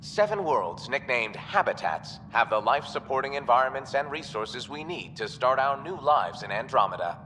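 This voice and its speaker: A bright, formal male announcer for a space station, whose words ring out over the public address speakers with a long hall echo behind them. His delivery moves lively through its pitch while keeping an even, informative tone. A faint hiss sits under the loudspeaker sound. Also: moderate pace, few pauses. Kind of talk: video game station announcements.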